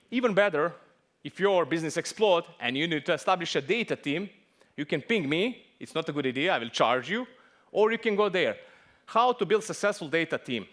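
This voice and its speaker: Serbian-accented man giving a lively talk. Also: fairly high pitch. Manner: lively, joking, non-native English phrasing. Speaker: conference speaker. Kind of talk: conference talk.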